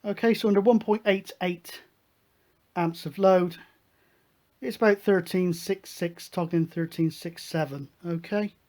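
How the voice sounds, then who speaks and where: A man's voice: high-pitched, measured pace, darkish tone. A British man hosting a hobby electronics video, talking through a hands-on demonstration in a chatty, matter-of-fact way.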